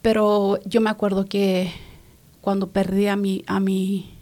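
A woman from Los Angeles giving her personal testimony in an interview, speaking haltingly, repeating words and slipping in English phrases. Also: medium pitch, flat delivery, dark tone. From Los Angeles, California.

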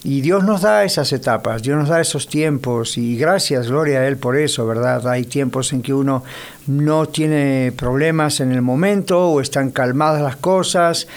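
A man's voice: mid-range voice, moderate pace. A man, a pastor, gives a conversational radio sermon, speaking directly to the listener. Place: United States.

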